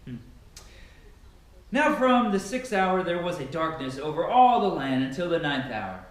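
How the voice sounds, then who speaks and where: With a sing-song, fairly high voice and a slightly slow pace, a young man delivers a dramatic, emphatic scripture reading. A distant camera records him in a big, sparsely furnished living room where the echo is strong.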